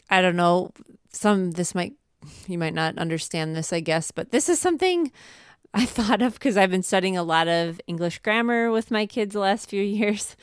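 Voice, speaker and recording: A woman's voice: medium pitch, smooth, no echo, studio quality. A middle-aged woman co-hosting a podcast, chatty and playful, laughing often as she talks. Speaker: podcast co-host. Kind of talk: casual chat.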